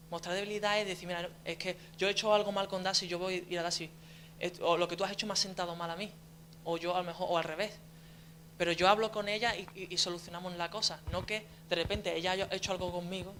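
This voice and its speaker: A young man preaches a casual, story-driven sermon, dropping in constant little tag questions. His voice is bright and clear, with a faint hiss of noise behind it. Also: sits high. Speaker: deacon preacher. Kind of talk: conversational sermon.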